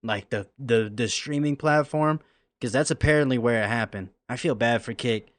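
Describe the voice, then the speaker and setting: A man's voice: mid-range voice, normal speed. A man giving casual, slangy reaction commentary as a streamer. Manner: slangy and conversational.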